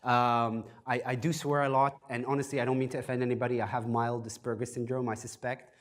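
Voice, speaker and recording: With a medium pitch and flat delivery, a man speeds through a casual talk as a guest at a startup workshop. Before an event-space audience, he's self-deprecating and constantly reaching for fillers.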